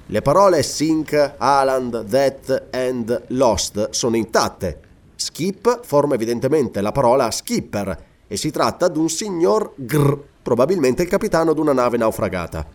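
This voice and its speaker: A man voicing a calm, authoritative noble lord leading a careful investigation in a read-aloud novel. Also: medium pitch, unhurried. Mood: explaining. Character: calm authoritative Scottish lord, methodical leader.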